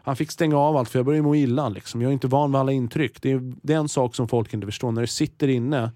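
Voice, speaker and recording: A man in his forties in a casual interview, telling animated stories, swearing freely and restarting his sentences. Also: medium pitch, no room sound, clean studio sound. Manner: lively storyteller, swears freely, frequent restarts. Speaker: TV host and interviewee.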